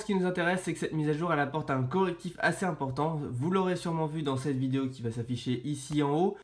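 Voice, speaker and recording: A man's voice: medium pitch, darkish tone. A man with a French accent presenting an informal tech explainer to viewers, sounding stuffy-nosed, tired and sick with a sore throat. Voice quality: congested, stuffy nose. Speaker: tech video host.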